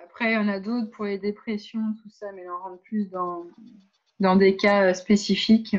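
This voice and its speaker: A woman's voice: medium pitch, steady tone, moderate pace. A woman leading an informal workshop on pregnancy and birth, giving practical advice straight to her listeners with frequent hesitations. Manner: practical, instructive, addresses listeners directly with many hesitations. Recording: dull lo-fi sound.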